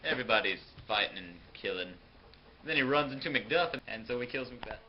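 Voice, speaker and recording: A man's voice: medium pitch, expressive, quick pace. A young man telling a silly school skit story in a goofy, sarcastic, slangy way. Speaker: narrator of a student skit. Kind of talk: comic retelling with put-on voices. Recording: dull lo-fi home video, faint noise.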